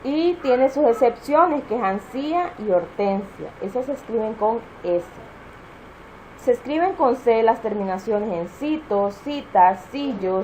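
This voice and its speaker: A woman's voice: a little high, warm tone, slight background noise, poor audio. A woman reading out spelling rules for a class and listing the example words one by one.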